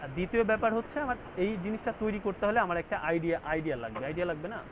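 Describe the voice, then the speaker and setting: A man teaches a design class over a video call. His voice sits a little high, and he explains step by step, stopping often to check that everyone follows. Steady noise runs under the call audio. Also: very fast. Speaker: graphic design instructor. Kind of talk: online class lecture.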